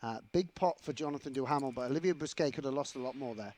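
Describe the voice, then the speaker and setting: A man giving lively play-by-play commentary on a poker match, building excitement at big moments. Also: mid-range voice, fast talker, a little hiss or hum.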